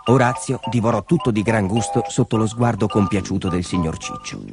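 A man narrating a children's story in a lively, expressive reading. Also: fairly low pitch, fairly quick, music in the background.

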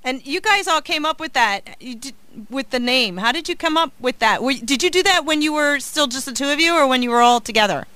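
A woman's voice: sits high, animated, brisk, bright, forceful tone, no echo. A woman hosting a casual radio interview, chatty and upbeat, with plenty of filler words. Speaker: radio host. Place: radio studio.

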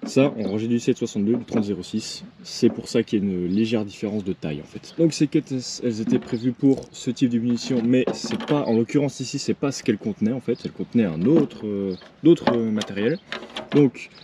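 Male collector, relaxed vlog delivery, stop-start phrasing, noisy take with clicks. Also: medium pitch, fairly quick. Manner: hesitant, many fillers and restarts. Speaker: militaria collector. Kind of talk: casual show-and-tell vlog. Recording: clear background noise with clicks.

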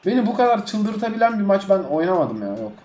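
A young man giving live gameplay commentary, exasperated and swinging between loud outbursts and low grumbling. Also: sing-song, fast talker. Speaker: gaming streamer. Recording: echoey room with game music behind.

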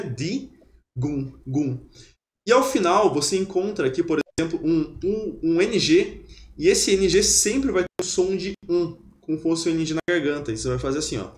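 A man giving a lively, chatty webinar lesson and drilling pronunciation. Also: on the high side. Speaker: German teacher. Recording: roomy echo.

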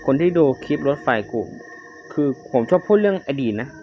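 Loud horror game music and sound effects fill this somewhat dull lo-fi clip as a streamer plays and comments casually, easily startled, with frequent exclamations and free swearing. His expressive voice runs on the high side at a moderate pace.

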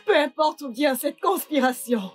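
A woman's voice: high voice, animated, moderate pace. A woman dubbing a woman accused of kidnapping into French, pleading her innocence and praying. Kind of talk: French film dub.

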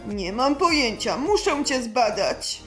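A woman voicing a calm, reassuring male hospital doctor who speaks slowly and steadily. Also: a little high, over music, voice pushed down. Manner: slow, steady, soothing.

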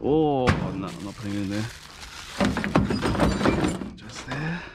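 A man's voice: fairly low pitch, animated, slow. A man gives casual, fragmented commentary to himself while rummaging outdoors at the curbside. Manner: short fragmented remarks, often talking to himself. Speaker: vlogger collecting curbside throwaways. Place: outdoors on a street curb. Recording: clear background noise, clicking and clatter.

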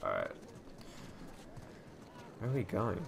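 A man's voice: on the low side, huge pitch swings, slow pace, creaky, background noise. A young man joking through a casual let's-play commentary as a gaming YouTuber. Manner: goofy, playful, joking. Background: game audio.

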